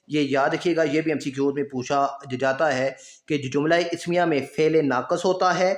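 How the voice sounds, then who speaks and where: A male teacher giving an exam-prep grammar lesson to students, explaining step by step and often pausing to check that they follow. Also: fairly high pitch, echoey room. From Pakistan.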